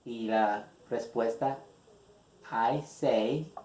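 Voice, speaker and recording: A man teaching an English grammar lesson in Spanish, slowly repeating example questions and their translations. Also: medium pitch, dark tone, slight background noise. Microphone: phone. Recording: echoey room on a phone.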